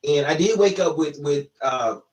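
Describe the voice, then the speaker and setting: Animated high-voiced man, lively podcast host. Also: moderate pace. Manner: animated, loud laughing outbursts. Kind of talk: casual comedic chat. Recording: distant from the mic.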